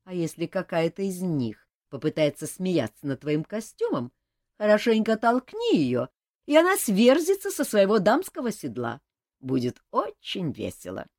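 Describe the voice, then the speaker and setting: A woman reading an audiobook, voicing a calm young king who teases with dry humor. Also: fairly low pitch, moderate pace, no echo. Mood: teasing. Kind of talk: audiobook character voice.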